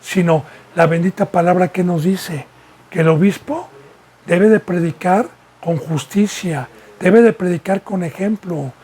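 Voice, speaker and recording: Male pastor, husky voice, teaching sermon full of rhetorical questions. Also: high-pitched, measured pace, a little mellow. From Mexico. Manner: preaching with repeated rhetorical questions.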